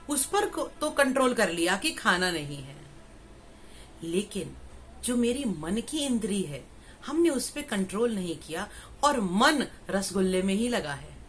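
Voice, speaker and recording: With a medium-pitched voice and a bit of hiss or hum, a middle-aged spiritual teacher, a Gita teacher and life coach, explains scripture slowly. She draws on homely examples and poses rhetorical questions throughout.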